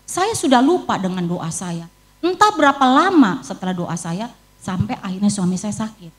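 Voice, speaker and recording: This middle-aged woman evangelist, speaking with an Indonesian accent in a medium-pitched, slightly mellow voice, delivers a sermon woven with personal testimony. She tells her own story with emotion, even quoting the prayers she once prayed.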